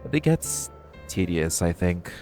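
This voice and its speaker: A man plays a flirty supervillain with a low, slightly mellow voice, swinging widely in pitch in a full character performance. Cocky and curious, he teases the listener in a relaxed, conversational way with playful pauses in this intimate roleplay, as music plays clearly underneath.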